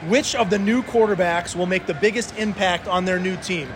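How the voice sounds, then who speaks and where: A male sports show co-host with a high voice talks casually and haltingly, often repeating himself. Clear urban outdoor noise runs behind him. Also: a bit bright.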